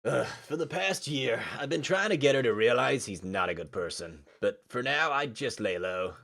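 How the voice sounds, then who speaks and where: A man's voice: mid-range voice, lively intonation, normal speed, gravelly, a bit bright. A man voicing a laid-back, loyal young male student who keeps calling people dude and man. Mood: tired. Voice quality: casual, says dude and man a lot. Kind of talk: voice acting a visual novel.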